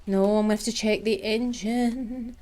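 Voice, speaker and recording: A woman's voice: fairly high pitch, fairly even intonation, moderate pace, mellow. A young woman streaming herself playing a horror game, chattering nervously to herself with yelps and gasps. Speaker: gaming streamer. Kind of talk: horror game let's play commentary.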